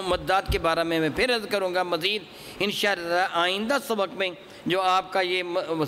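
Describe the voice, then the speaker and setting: Male Quran teacher, high bright voice, chants examples and quizzes class, echoey hall. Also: a little hiss or hum. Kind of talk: classroom religious lesson on recitation.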